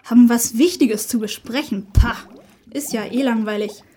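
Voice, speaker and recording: A woman plays a curious young fish child in a children's audio drama. The voice is fairly high, chatty and inquisitive. Faint noise sits behind it. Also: moderate pace, warm tone, natural voice. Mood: curious, cheeky. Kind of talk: German children's audio play acting.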